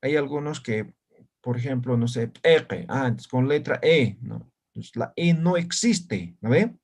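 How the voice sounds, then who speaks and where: A man's voice: medium pitch, expressive, unhurried, vocal fry, a little mellow. A man teaching an online language lesson, explaining step by step and often checking understanding with short tag questions.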